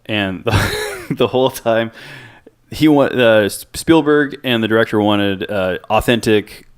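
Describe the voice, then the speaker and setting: Low-voiced man, swearing movie chat. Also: measured pace, clean tone. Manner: swears freely, animated and rambling. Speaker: podcast co-host.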